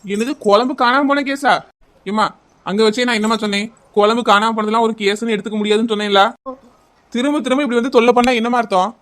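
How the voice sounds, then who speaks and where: A man voicing an impatient police inspector in a cartoon. He talks fast in a raised, highish voice and scolds briskly. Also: fairly bright tone. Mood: annoyed scolding. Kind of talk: cartoon voice acting.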